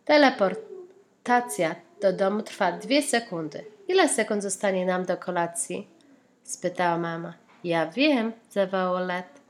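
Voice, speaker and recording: A woman reads a children's picture book aloud in a voice of middle pitch. She runs through the story, reads the characters' lines, and stops often to ask the young listener questions and riddles about the pictures. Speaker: storybook reader.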